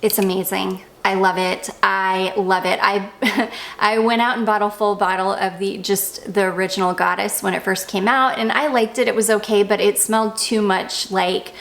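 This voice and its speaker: Gushing woman with a gravelly edge. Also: mid-range voice, steady tone, moderate pace. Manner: gushing, goes off on tangents, self-deprecating. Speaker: perfume reviewer. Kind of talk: casual review chat.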